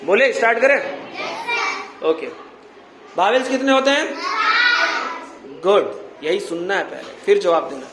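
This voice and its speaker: A man's voice: sits high, lively intonation, unhurried, pauses often. A male teacher giving a grammar lesson to a class, repeating questions and mildly scolding students who do not listen. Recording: echoey classroom with background noise.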